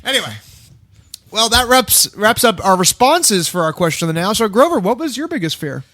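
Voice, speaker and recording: A man's voice: high-pitched, very animated, brisk, sharp tone, no room sound. A man hosting a podcast in casual chat, joking as he reads listener answers and steers the talk. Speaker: podcast host.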